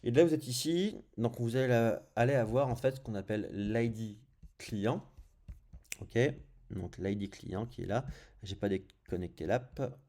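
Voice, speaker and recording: A man's voice: fairly low pitch, unhurried, warm tone. A man with a French accent giving a casual screencast coding tutorial, thinking aloud as he clicks through settings and saying little fillers like "hop" as he goes. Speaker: programming tutorial host.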